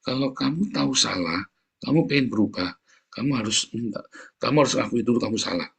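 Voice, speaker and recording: A man's voice: mid-range voice, expressive, a little fast, creaky, a bit bright, breathy edge. A middle-aged man preaching in a conversational style, telling stories and acting out quoted voices while addressing the congregation directly. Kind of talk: conversational sermon.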